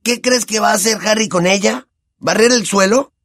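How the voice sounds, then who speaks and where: Guy doing an excited teen boy, loud and eager, impatient, dry close sound. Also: sits high, moderate pace, no echo, pitched above the performer's own voice.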